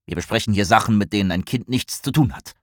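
Man voicing stern village father, sharp, commanding, husky low tone, dry. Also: little pitch movement, measured pace, dry recording, heavily acted. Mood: angry.

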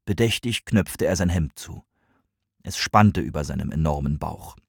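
Male audiobook narrator, calm, even, very deep, husky, dry close sound. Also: moderate pace, dry recording. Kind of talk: scripted narration.

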